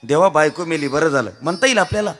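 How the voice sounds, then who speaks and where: Lively, high-voiced Marathi kirtan preacher. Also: male voice, quick pace, faint music behind. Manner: calls out to the audience and has them answer back; addresses listeners as maharaj, jokes with the crowd. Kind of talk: devotional storytelling sermon.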